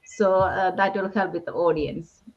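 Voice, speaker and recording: A woman hosting, reading out a question to her guest slowly and hesitantly, with fillers. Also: on the low side, steady tone. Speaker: host. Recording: slightly dull lo-fi audio.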